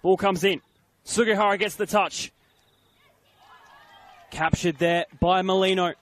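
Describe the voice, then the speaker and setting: A man giving live, excitable football play-by-play commentary. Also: high voice, a little slow.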